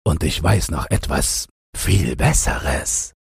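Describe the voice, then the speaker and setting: This storybook reading features a man as the sly big bad wolf, scheming away in a husky, gravelly, deep voice with slow, coaxing, drawn-out phrasing. His intonation is lively and it's a full character voice. The sound is studio quality, free of room sound.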